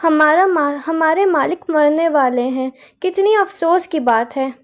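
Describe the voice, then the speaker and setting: A woman's voice: high voice, unhurried. A woman voicing a loyal male farm dog in a storybook tale, talking in a gossiping, concerned way.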